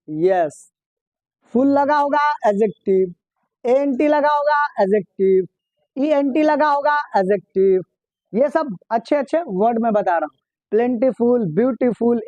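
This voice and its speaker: With no room sound at all, this dull, dry lo-fi clip captures a male English teacher whose voice is very high and slightly mellow. He runs a vocabulary lesson, putting questions to the class, repeating what they answer and spelling each word letter by letter.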